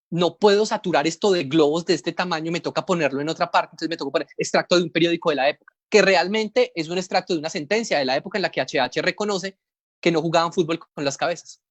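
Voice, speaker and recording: A man's voice: a little high, dry recording. A Colombian man, a comics editor, talking casually over a video call, rambling and explaining things step by step. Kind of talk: casual panel talk.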